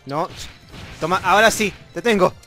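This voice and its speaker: An Argentine man hosting a casual chat while playing a fighting game, bursting into loud excited yelps. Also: high-pitched, normal speed. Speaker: channel host, gamer. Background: game music.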